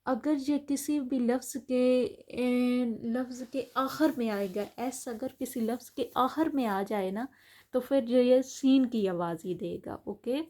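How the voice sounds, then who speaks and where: A woman's voice: on the high side, a little mellow. Woman teacher patiently explaining pronunciation. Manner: patient, repetitive explaining with fillers. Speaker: language teacher. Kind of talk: explaining German pronunciation lesson.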